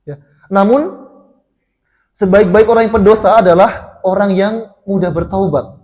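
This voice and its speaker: A high-pitched Indonesian man delivers a sermon in a mosque. He tells a story to the congregation, restarting phrases and filling pauses as he goes. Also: a little mellow. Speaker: preacher.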